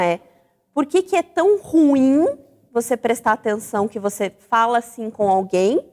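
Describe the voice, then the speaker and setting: Female talk-show host, high-pitched, reflective and questioning, long room reverb. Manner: reflective, animated, asks the audience questions.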